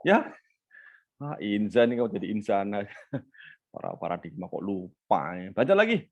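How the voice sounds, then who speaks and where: A man's voice: on the low side, animated, measured pace, darkish tone, dull audio. A male lecturer, teaching an online class and teasingly quizzing students by name.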